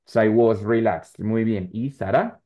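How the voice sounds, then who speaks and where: A man's voice: fairly low pitch, a little slow, warm tone, highs cut off. A man teaching an English class online in Spanish, patient and encouraging as he explains and corrects students.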